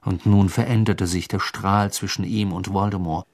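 A man reading a storybook aloud as narrator, in an expressive, dramatic way. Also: sits low, moderate pace, dry recording, clean studio sound. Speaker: audiobook narrator.

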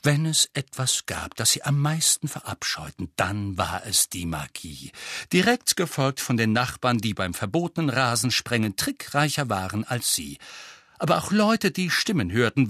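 A man narrating an audiobook with expressive, lively storytelling. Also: medium pitch, husky, dry recording, clean studio sound.

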